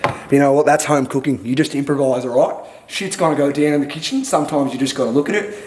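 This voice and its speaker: A man's voice: medium pitch, fast talker, slight background noise. An Australian man running a mock cooking show in his home kitchen, cocky and lecturing the viewer, with lots of swearing. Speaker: home cook vlogger. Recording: echoey kitchen.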